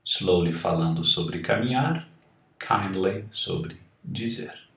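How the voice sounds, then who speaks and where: A man teaching English to Portuguese speakers, explaining a text slowly and saying the English words aloud again and again. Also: sits low, vocal fry, a bit bright, reverberant, far from the mic. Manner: slow, deliberate, models English words aloud and repeats them. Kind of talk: language lesson explaining a reading.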